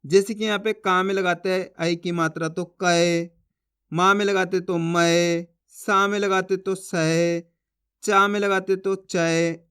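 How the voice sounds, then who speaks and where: A man's voice: sits high, level tone, slow pace, sharp tone, clear, resonant tone. A man teaching a basic reading lesson, patient, repeating each syllable and often checking whether the listener has understood.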